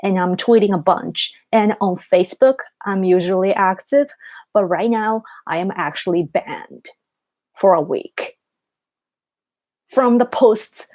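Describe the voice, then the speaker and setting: A woman chatting casually on a live stream, keeping her voice quiet late at night as if someone is asleep nearby. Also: medium pitch. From Japan. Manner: quiet, hushed late-night talk so as not to wake a sleeper. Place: small room in a tiny two-room home.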